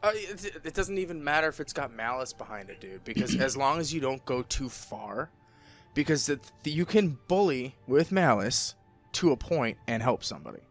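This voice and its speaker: A man's voice: medium pitch, very animated, normal speed, faint music behind. A young man co-hosting a casual podcast, telling rambling, profane stories. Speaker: podcast co-host. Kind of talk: casual chat.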